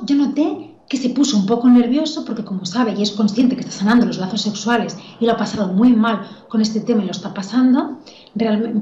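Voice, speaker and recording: A woman's voice: on the high side, dark tone, reverberant, lo-fi sound. A woman, a spiritual teacher telling a story in casual spoken teaching, chatty and laughing often, with many restarts.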